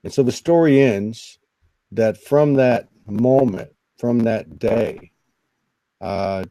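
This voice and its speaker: A man, a guest on a spiritual talk show, telling a personal story in an earnest, emotional, halting way. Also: medium pitch, mellow, dry recording, poor audio. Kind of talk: personal storytelling in casual conversation.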